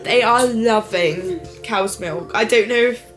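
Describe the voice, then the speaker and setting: A woman's voice: fairly high pitch, takes it slowly, faint music behind. A young woman and mother of twins, chatting casually to camera, sore after a run, emotional and full of asides. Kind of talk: casual vlog chat to camera.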